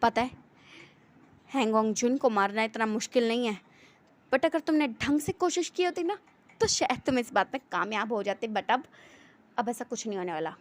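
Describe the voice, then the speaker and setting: A woman's voice: fairly high pitch, lively intonation, normal speed, long pauses, close to an everyday voice. A woman voicing a vengeful male mafia boss who threatens and taunts his enemies. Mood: taunting. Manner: threatening, taunting, shouts in bursts.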